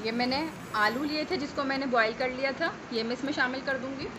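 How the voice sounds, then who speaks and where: A woman's voice: sits high, a little fast. A woman from Pakistan hosting a home cooking tutorial in her kitchen, talking viewers through each step in a chatty way and checking in with them often. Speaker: cooking channel host. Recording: noisy home recording.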